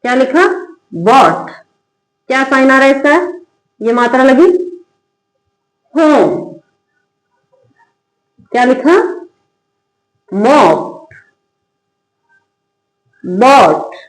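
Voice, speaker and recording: A woman with a high voice teaches English phonics in a classroom manner. She poses a question and answers it herself, and she drills example words slowly. The sound is roomy and echoey. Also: animated. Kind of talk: classroom-style phonics lesson. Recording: echoey room.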